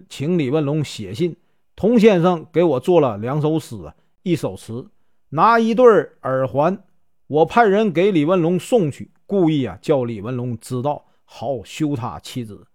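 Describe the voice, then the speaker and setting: A man's voice: on the high side, very animated, measured pace, darkish tone, dry recording, clean studio sound. A man voicing an arrogant rich male local bully who confesses his scheme in a storybook tale. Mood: confessing.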